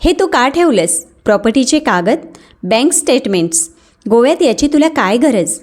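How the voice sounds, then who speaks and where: A woman's voice: a little high, sing-song, normal speed. A woman voicing a harsh, demanding grown son. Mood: angry. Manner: harsh, shouting at times.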